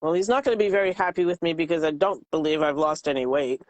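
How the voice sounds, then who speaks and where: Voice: mid-range voice, quick pace, no room sound. A podcast co-host in casual chat, talking easily while snacking and laughing often.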